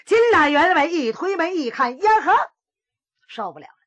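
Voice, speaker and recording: A woman's voice: high voice, animated, brisk, fairly bright tone, dry recording. A woman storyteller performing a traditional pingshu tale with dramatic exclamations and vocal sound effects.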